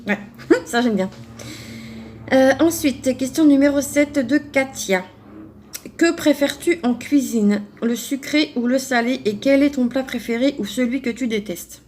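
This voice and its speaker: A young Frenchwoman, a craft YouTuber, chats casually to camera while answering a subscriber tag. Her high, darkish voice runs a little slow, and she rambles with plenty of fillers and restarts. There's slight background noise.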